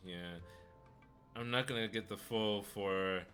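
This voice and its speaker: A man streaming a game with a fairly low yet bright, forceful voice. He comments casually and thinks aloud, with soft music behind him. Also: fairly even intonation, measured pace.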